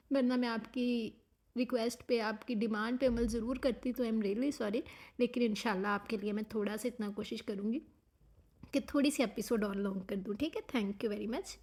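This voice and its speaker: A woman's voice: fairly high pitch, fairly even intonation, normal speed, darkish tone. Chatty woman with a sore throat. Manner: chatty, mixes English phrases into speech; talks while eating. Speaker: novel narrator and channel host. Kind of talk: casual chat reading viewer comments.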